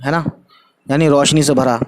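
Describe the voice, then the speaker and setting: A man's voice: a little high, fairly even intonation. A man teaching an Urdu textbook lesson. He reads a line, explains it in simple words with some English mixed in, and checks in with his students.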